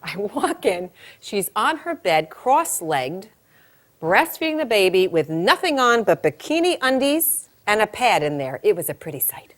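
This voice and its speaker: A middle-aged woman, a labor nurse and childbirth educator, teaching a class in a chatty, animated way and telling stories from the delivery room. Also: mid-range voice, unhurried. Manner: animated storytelling, acts out quotes, chatty.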